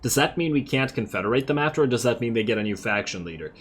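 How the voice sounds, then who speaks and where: A man's voice: mid-range voice, animated, quick pace, slightly rough. A man giving casual, laid-back strategy game commentary, thinking aloud as he plays. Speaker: gamer, host of a let's play series. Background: game music.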